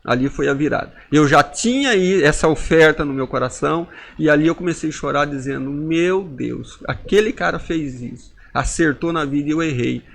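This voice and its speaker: Guest, man in his 40s, gravelly, slightly high voice; heartfelt testimony, acts out the inner dialogues. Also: moderate pace, few pauses. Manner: intense storytelling, acting out inner dialogues. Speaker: podcast guest. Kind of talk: emotional personal testimony.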